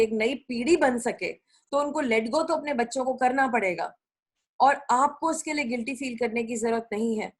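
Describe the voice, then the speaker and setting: A middle-aged woman preaching a sermon in a conversational way, repeating her points for emphasis. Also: on the high side. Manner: conversational Hindi-English mix, repetitive emphasis.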